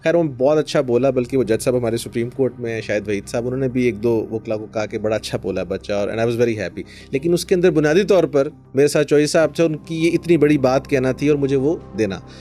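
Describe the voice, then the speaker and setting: A man's voice: medium pitch, fast talker, few pauses, warm tone, faint music behind. A man in his forties with a Pakistani Urdu accent, a lawyer answering interview questions in an earnest, storytelling way, mixing in English phrases. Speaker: lawyer, podcast guest.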